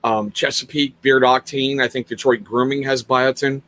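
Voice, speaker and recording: A man's voice: mid-range voice, fairly even intonation, normal speed, fairly bright tone. A man hosting a casual livestream interview, upbeat and reading out viewer questions from the chat. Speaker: host.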